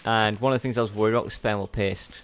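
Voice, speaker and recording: A man's voice: on the low side, fairly even intonation, rapid-fire, fairly bright tone. Rambling young man narrating gameplay. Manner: rambling, self-correcting, chatty. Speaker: let's play host. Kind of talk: casual gameplay commentary.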